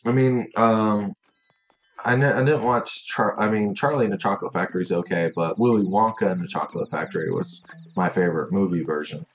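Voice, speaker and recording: A man's voice: lowish voice, brisk, a little hiss or hum. A man co-hosting a game let's play, chatting casually, reading trivia aloud and swearing now and then. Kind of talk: casual chat over gameplay.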